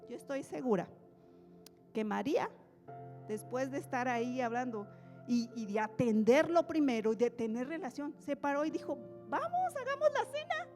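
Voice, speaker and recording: A woman preacher giving an animated, dramatic sermon in a church. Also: on the high side, normal speed. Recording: echoey church hall, soft music.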